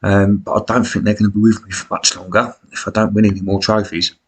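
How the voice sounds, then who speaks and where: A British man with a smoker's rasp and cough, giving chatty, blokey, self-deprecating commentary on a football management game as he live streams. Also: fairly low pitch, little pitch movement, quick pace.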